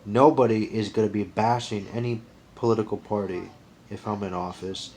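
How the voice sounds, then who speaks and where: A man's voice: fairly low pitch, steady tone, normal speed, darkish tone, low-quality recording. A man in his twenties from the United States, talking straight to camera in a casual, rambling monologue, earnest, often restarting sentences. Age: 20s. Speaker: vlogger.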